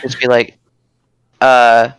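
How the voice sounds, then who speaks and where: Slow-talking man with a clean, dry sound. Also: mid-range voice, completely flat delivery, fairly bright tone, clear, resonant tone, no room sound. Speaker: tabletop game player. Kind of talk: casual in-game chat.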